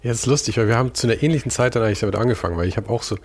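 A man's voice: medium pitch, rapid-fire. A man interviewing a guest in casual chat, asking curious follow-up questions.

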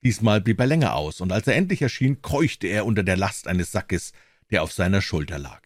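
A man reading a classic fairy tale aloud in a dramatic, clearly articulated style. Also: low-pitched, expressive, fairly quick, no echo, clean studio sound.

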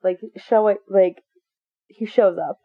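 A woman with a mid-range voice speaks slowly as an interview guest, talking candidly and at length. She comes across as earnest and rambling, with plenty of fillers and restarts, over a tinny, phone-like line.

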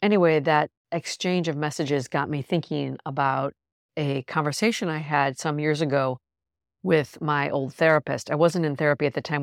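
A woman with a low voice, recorded with studio quality and no echo, hosts a podcast. She lives in New York City and tells a personal story in a candid, reflective, conversational way.

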